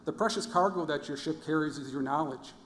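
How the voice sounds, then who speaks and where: A man's voice: on the high side, fairly quick, fairly bright tone. Commencement speaker, middle-aged man, storytelling with playful asides, long hall reverb and faint room noise. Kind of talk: commencement speech. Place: large fieldhouse hall.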